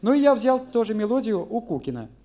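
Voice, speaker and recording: A man's voice: sits high, sing-song, fast, dark tone, muffled recording. A man from Saint Petersburg, a singer-songwriter, rambling and self-deprecating between songs at a live performance. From Saint Petersburg, Russia. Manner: rambling, self-deprecating, hums and sings snatches of tunes.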